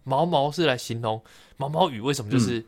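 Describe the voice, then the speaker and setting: A young man speaking Mandarin with a Taiwanese accent, co-hosting a relaxed podcast and chatting at an easy pace. His voice sits at an ordinary middle pitch. He tells stories and reads definitions aloud in a friendly, storytelling way. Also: a little fast. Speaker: podcast co-host. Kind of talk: casual chat.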